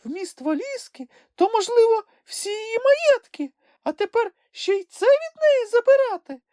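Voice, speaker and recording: A small, whiny male creature played by a woman in a storybook reading, squeaking far above her everyday register with a shrill, quavering edge. He is excitable and emotional, swinging between indignation and tears, and the dry, close recording keeps every wobble audible. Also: no room sound. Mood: sentimental. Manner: emotional, sulky, quick to tears.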